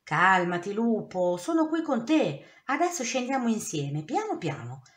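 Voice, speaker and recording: A woman's voice: mid-range voice, very animated, measured pace, reverberant, voice pushed up. A woman voicing a sporty, encouraging friend in a storybook reading, cheering and then soothing. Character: sporty, energetic friend, encouraging coach type.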